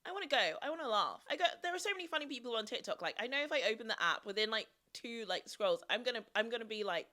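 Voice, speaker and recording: A young woman vlogger chatting casually to her viewers in an animated, self-mocking way, with a slight vocal fry. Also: a little high, quick pace, few pauses. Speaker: YouTube vlogger. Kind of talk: casual chatty vlog talk to camera.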